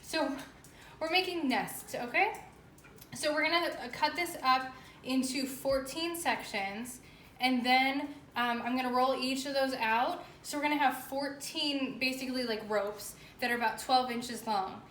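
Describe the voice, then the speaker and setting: In an echoey home kitchen with faint background noise, a woman casually talks viewers through a baking tutorial step by step in a chatty, informal manner. Her voice sits high and a bit bright, and she's unhurried.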